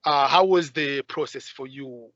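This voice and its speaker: A man's voice: medium pitch, unhurried, a bit bright, no echo, muffled recording. A man hosting an interview over a video call, talking with many hesitant "uh" fillers. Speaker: host.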